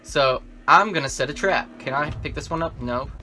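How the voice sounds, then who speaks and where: A man's voice: a little high, normal speed, pushed and bright, soft background music. A young man giving casual commentary on a horror game, thinking aloud to himself as he plays. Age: young adult. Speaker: gamer playing a horror game with facecam.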